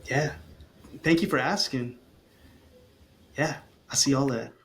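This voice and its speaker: Slowly and earnestly, a parent communication coach talks as a guest on a laid-back podcast, his fairly bright, medium-pitched voice expressive as he repeats phrases to gather his thoughts. There's slight background noise.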